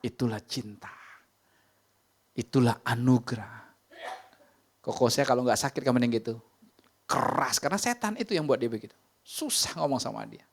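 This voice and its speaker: A man preaching a sermon in a church, emphatic and conversational, sometimes rising sharply in pitch for emphasis. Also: lively intonation, normal speed, pauses often. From Indonesia. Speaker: pastor. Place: church hall.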